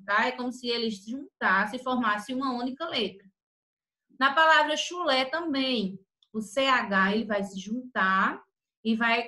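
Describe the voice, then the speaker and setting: Bright-voiced teacher, patient. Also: female voice, high-pitched. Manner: patient, spells out letters one by one; repeats herself and self-corrects often. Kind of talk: correcting a worksheet for pupils.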